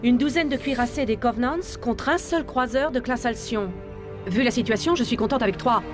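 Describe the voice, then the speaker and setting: A woman playing a female game AI with a high voice and a wry, self-assured delivery. Orchestral-style game music runs clearly behind her. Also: brisk, lightly acted. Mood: wry, confident. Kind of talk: dramatic video game dialogue.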